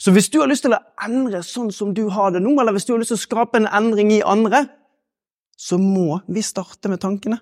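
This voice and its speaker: A man giving a live motivational talk to an audience, leading a guided exercise with slow, measured pauses. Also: high-pitched, a little mellow, no room sound, studio quality. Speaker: motivational speaker.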